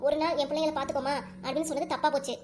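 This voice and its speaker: Cartoon young mother voiced by a woman, indignant, complaining, Tirunelveli Tamil accent, high, very fast. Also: steady tone, darkish tone, lightly acted.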